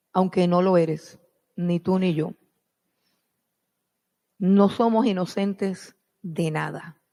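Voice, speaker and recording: A preacher delivers a sermon in a slow, measured cadence with a gravelly edge to the voice. Phrases come back again and again for emphasis, and the loudness climbs in bursts before sinking to near a hush. The sound carries the long reverb of a large hall. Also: mid-range voice. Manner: dramatic retelling with sudden swells and drops in loudness.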